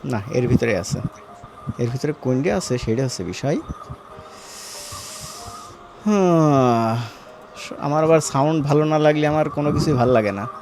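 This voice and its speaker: A man's voice: fairly high pitch, lively intonation, unhurried, long pauses, noisy background. A man with a Bangladeshi Bengali accent teaching an animation class live, casual and chatty, talking students through each click. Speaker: animation course instructor. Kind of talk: live online class demonstration.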